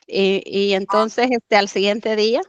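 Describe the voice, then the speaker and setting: Woman, mid-pitch, earnest storyteller with halting pauses and fillers; dry, dull lo-fi capture. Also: steady tone, clean tone, dry recording. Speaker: interview guest. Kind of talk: personal storytelling in conversation.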